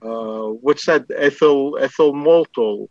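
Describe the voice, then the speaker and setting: A man's voice: medium pitch, slow pace, no room sound. New York-accented man on a muffled call. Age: middle-aged. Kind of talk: casual chat. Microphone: video call. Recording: dull lo-fi video-call audio.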